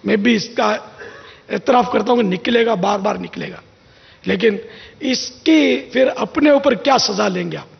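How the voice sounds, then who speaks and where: Male preacher, high voice with heavy fry, chatty storytelling delivery, reverberant lo-fi sound. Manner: anecdotal, conversational, acts out quoted lines. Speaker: religious scholar giving advice. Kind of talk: informal religious talk. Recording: dull lo-fi sound with long reverb.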